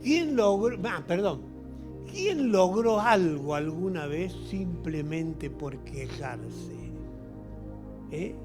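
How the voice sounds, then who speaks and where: A middle-aged man with an Argentine accent, preaching a sermon as pastor in an animated, humorous way that acts out little scenes. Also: sits high, extremely slow, music in the background. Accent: Argentine Spanish.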